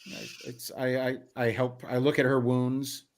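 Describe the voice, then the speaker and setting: A man's voice: mid-range voice, flat delivery, unhurried. A man playing in a tabletop game, thoughtfully explaining what his character does. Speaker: player.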